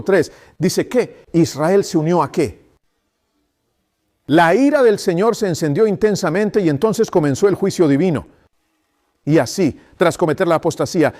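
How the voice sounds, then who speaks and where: A male preacher delivers a sermon in a voice pitched a little high. He talks with insistent emphasis. He keeps putting rhetorical questions to his congregation. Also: darkish tone.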